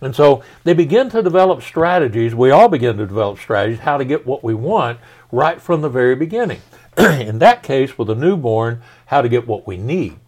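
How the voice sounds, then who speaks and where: A man's voice: mid-range voice, sing-song, a little fast, a little mellow. A middle-aged man, a pastor, explaining in a casual, folksy way with everyday examples and questions. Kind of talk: casual teaching conversation.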